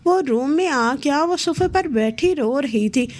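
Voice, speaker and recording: High-voiced woman reading a romance novel. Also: animated, a little mellow. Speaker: novel reader. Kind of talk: read-aloud romance novel narration.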